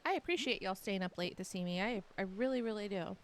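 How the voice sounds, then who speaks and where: Young woman streamer, light Texan twang, chatty and rambling, average pitch. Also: animated, quick pace, slight background noise. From Texas. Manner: rambling, chatty, lots of "like" fillers. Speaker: livestreamer. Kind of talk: casual chat with stream viewers.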